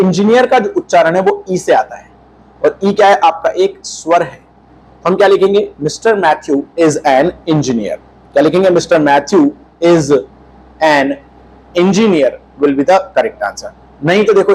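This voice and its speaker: Husky Hindi-accented male grammar teacher. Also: a little high, darkish tone, low-quality recording. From India. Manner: drawn-out question and answer, repeats his own questions. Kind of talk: exam-prep lesson.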